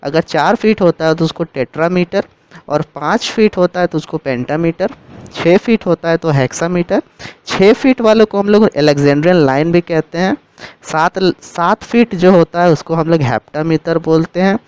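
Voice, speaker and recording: Man explaining a lesson, clear crisp voice. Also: on the high side, normal speed, rough recording. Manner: steady explanatory, repeats and rephrases terms. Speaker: literature teacher. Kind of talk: explaining a lesson in Hindi with English terms.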